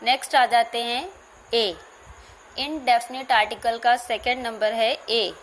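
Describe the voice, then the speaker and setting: A woman teacher talks through a grammar lesson at an unhurried pace, spelling words letter by letter and repeating key points. Her voice sits a little high. A faint background noise runs under the recording. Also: fairly even intonation. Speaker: school teacher.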